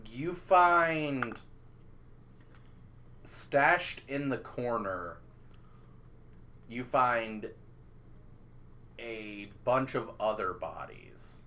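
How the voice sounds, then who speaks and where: A man narrating as game master of a tabletop role-playing game, describing scenes in a measured, drawn-out way. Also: medium pitch, animated, pushed and bright, a little hiss or hum.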